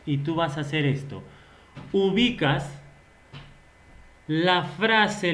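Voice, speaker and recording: A man's voice: a little high, a bit bright. A man teaching a recorded online language lesson, patiently explaining and asking rhetorical questions, now and then acting out example phrases. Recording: echoey room.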